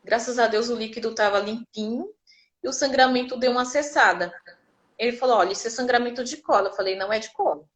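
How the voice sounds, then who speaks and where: A woman's voice: fairly high pitch, fast. A Brazilian woman telling her birth story casually and vividly, acting out the people she quotes. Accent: Brazilian Portuguese.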